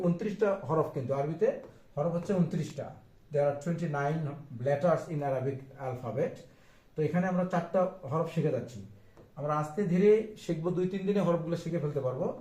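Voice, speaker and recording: A man's voice: fairly high pitch, dark tone, reverberant. Patient man teaching Arabic letters. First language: Bengali. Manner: patient, repeats each point, mixes in English phrases. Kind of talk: explaining Arabic letters on a board.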